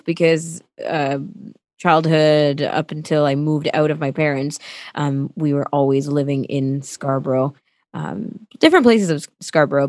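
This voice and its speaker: A woman's voice: low-pitched, dry recording. A chatty woman in her twenties, guest on a casual radio talk show, who laughs easily. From Canada. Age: 20s. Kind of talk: casual interview chat.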